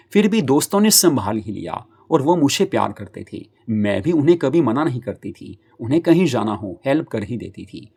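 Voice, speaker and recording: Man doing a middle-aged mother, reassuring, lively rise and fall, husky. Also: mid-range voice, exaggerated voice. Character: middle-aged mother, cheerful yet lonely.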